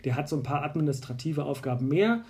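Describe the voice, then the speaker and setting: A man from Berlin talks through refereeing rules in a relaxed conversation. His voice is gravelly and dark and sits a little high for a man. He circles back with fillers and restarts as he explains. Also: quick pace. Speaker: basketball referee, guest. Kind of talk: casual conversation.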